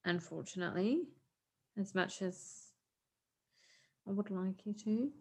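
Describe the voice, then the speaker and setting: A woman's voice: mid-range voice, a little slow, warm tone, husky. A woman co-hosting a podcast, speaking earnestly and supportively, giving advice. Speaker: podcast co-host. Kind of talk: casual chat.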